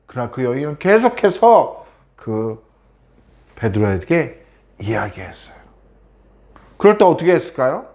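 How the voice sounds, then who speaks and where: Male children's preacher from Korea, storytelling style, asks questions, average pitch. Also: sing-song, normal speed, pauses often, a little mellow.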